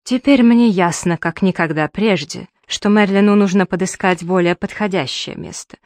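A woman's voice: mid-range voice, moderate pace, darkish tone, no room sound, studio quality, close to an everyday voice. A woman reading the part of a haughty, snobbish older woman in an audiobook, speaking with disdain. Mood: shrill disdain. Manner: disdainful, imperious.

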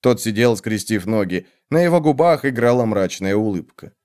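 A man narrating a fantasy audiobook with an expressive reading. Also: fairly low pitch, normal speed.

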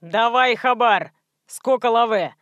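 A woman voicing a rude, menacing young male thug in an audiobook, with a slow, low, threatening drawl. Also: a bit bright, dry recording, clean studio sound. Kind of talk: audiobook reading.

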